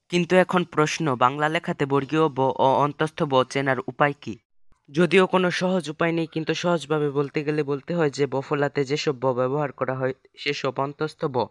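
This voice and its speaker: A man teaching pronunciation in a measured, scripted narration, slowing down to model each word. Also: fairly high pitch.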